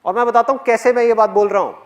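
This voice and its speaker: High-voiced man telling a stage story. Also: rapid-fire, lo-fi sound. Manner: animated storyteller, questions the audience directly. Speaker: motivational speaker. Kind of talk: motivational stage talk with personal storytelling. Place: on stage before a live audience.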